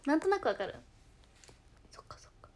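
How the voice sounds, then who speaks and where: A young woman from Kochi speaking with a Tosa dialect, chatting casually on a livestream and answering comments in a soft voice that sometimes drops into a whisper. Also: a little fast. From Kochi, Japan. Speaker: idol livestreamer.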